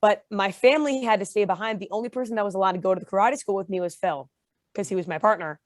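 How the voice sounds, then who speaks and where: A young woman guest in a casual interview, telling her story with lively pitch jumps when she acts out quotes. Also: fast talker, no echo. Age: young adult. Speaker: interview guest, reality show contestant.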